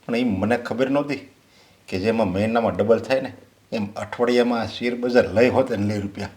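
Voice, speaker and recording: An actor playing a middle-aged father ruined by gambling, who swings from quiet pleading to angry shouting. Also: fairly even intonation, brisk, close to an everyday voice. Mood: regretful. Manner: pleading low, then shouting angrily. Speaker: father who gambled away his money. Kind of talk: Gujarati short-film acting.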